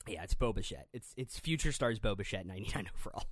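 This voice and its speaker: A man chats casually as a podcast co-host, his pitch swinging lively up and down. He often stumbles and repeats words while he thinks. The sound is dry and close. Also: quick pace, dry recording. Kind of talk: casual chat.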